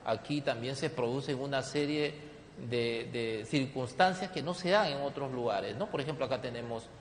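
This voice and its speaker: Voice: mid-range voice, moderate pace. A TV interviewer who asks leading questions and agrees often with short fillers. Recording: echoey space with faint noise.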